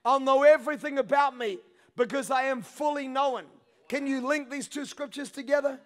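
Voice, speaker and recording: A man in his thirties preaching a sermon on a large church stage into a handheld mic, swinging between hushed passages and shouted peaks. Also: very high voice, fairly even intonation, normal speed. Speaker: pastor. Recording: long hall reverb.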